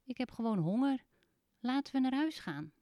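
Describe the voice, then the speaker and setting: A woman's voice: medium pitch, big pitch swings, takes it slowly, warm tone, no echo, clean studio sound. Puzzled young boy, read by a woman.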